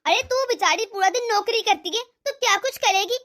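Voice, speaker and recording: A woman's voice: very high voice, moderate pace, fairly bright tone. A woman voicing a caring, concerned mother in a cartoon. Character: caring mother of the daughter-in-law.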